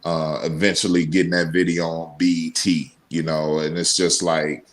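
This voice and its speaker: Deep-voiced man in casual interview talk. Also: little pitch movement, moderate pace. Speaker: podcast guest, radio show co-host.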